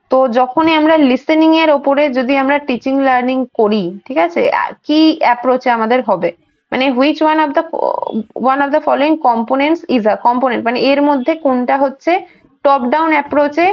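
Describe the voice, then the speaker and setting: A woman's voice: high voice, highs cut off. A woman teacher with a Bengali accent explains exam questions in an online class, reading English lines aloud and explaining them. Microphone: video call.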